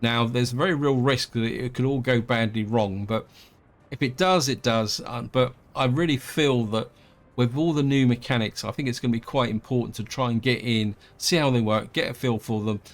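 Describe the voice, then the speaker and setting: Man, gameplay commentary, relaxed rambling, gravelly voice, desktop mic. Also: mid-range voice, normal speed. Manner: relaxed, rambling, thinking aloud with hedges. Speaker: gameplay video host. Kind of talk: casual let's-play commentary.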